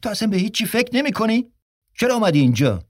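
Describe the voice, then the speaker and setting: A man's voice: sits high, big pitch swings, dry recording, voice pushed up. Exasperated sarcastic man read by a male narrator: grumbling, exclaiming, dry audiobook read. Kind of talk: audiobook character reading.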